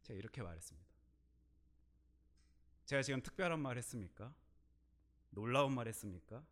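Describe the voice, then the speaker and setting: Middle-aged male preacher with a bright, forceful voice, telling a story from the pulpit with sudden loud emphasis and hushed asides. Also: medium pitch, expressive, a little fast. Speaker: pastor. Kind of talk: sermon.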